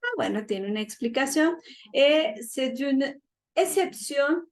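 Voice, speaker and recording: A young woman teaches at a slow, deliberate pace. Her voice sits a little high. She explains patiently and often checks whether her students follow. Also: lively intonation. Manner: patient, repeats each point with check-ins. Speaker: French teacher. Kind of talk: online class lesson.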